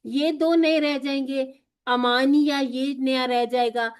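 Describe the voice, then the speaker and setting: A woman's voice: high voice, steady tone, smooth. A woman teaching a recorded course lesson, patiently explaining and asking and answering her own questions.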